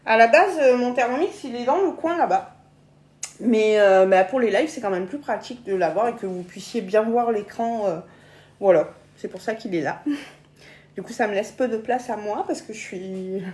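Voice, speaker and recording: A woman's voice: fairly high pitch, moderate pace, darkish tone, reverberant. A woman hosting a live cooking demonstration from her home kitchen, chatting casually, stumbling over and repeating words, and laughing often.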